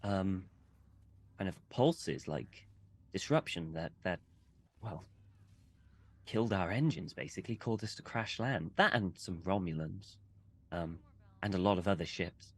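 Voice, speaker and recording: A man plays his character in a tabletop game, stopping and restarting as he searches for words. His low voice swings lively up and down. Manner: hesitant, halting with many restarts. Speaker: player.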